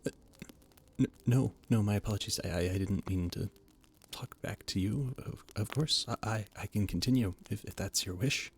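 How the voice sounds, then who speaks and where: This scripted roleplay monologue features a man acting as a nervous, proper royal adviser who keeps stammering. His voice sits on the low side, gravelly and husky, at a moderate pace.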